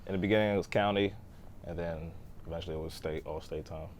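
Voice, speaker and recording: A man's voice: deep voice, steady tone, fast talker, slight background noise. A man in his thirties, a guest on an interview podcast, talking casually about growing up, with many fillers and a voice that trails off. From born in Texas, raised in Boston. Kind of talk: interview storytelling.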